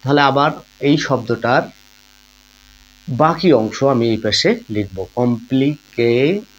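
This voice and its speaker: A man's voice: mid-range voice, measured pace, fairly bright tone, highs cut off. A man teaching a grammar lesson, patiently explaining rules with examples and often calling his listeners friends. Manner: patient, repeats key points, addresses listeners as friends.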